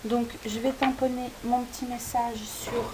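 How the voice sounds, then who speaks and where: A woman's voice: on the high side, a little slow. Woman explaining crafts over a hissy recording. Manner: hesitant, frequent "euh" fillers while working. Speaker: craft tutorial host. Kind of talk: step-by-step demonstration. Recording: steady tape-like hiss.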